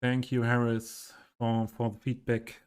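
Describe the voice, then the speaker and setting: This game streamer, a native German man with a Western German accent, talks at a medium pitch in a completely flat, darkish voice that sounds clear and resonant. Narrating his city build live, he stumbles along with frequent ums and pauses to search for the right words.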